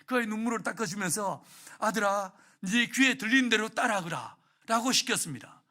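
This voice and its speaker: A man's voice: sits high, animated, a little fast, bright, forceful tone. A male pastor giving a sermon, telling a story with feeling and putting questions to the congregation. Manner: emotional storytelling that acts out prayers and asks the congregation questions.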